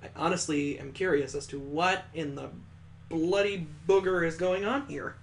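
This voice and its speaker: A man hosts a gaming video, giving visual novel text a playful, expressive reading plus joking interjections. The voice is slightly high and gravelly at a normal pace, with a bit of background noise.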